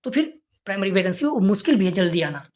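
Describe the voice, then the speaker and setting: A woman teaching an exam-prep lesson, reading out figures one after another in a steady way and checking in with her listeners again and again, sometimes dropping to a near whisper on a brief aside. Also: medium pitch, fast talker. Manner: steady listing of figures, frequent "theek hai" check-ins. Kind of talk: informal explainer lecture.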